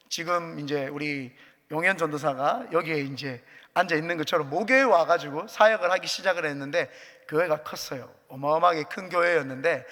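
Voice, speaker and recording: A man's voice: high-pitched, bright, forceful tone. A man, a pastor, preaching a sermon as earnest personal testimony with light jokes, in a church sanctuary. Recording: echoey church hall.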